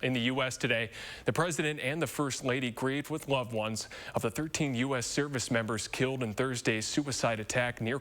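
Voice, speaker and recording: A man's voice: medium pitch, fairly bright tone. Man anchoring the late news. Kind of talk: scripted news reading.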